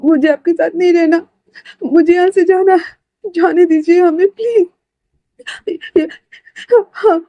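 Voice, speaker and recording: Stammering, sobbing young man, put on by a female narrator; high, panicked pleading. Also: dry recording, highs cut off. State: crying. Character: terrified young man, sobbing and begging to be let go.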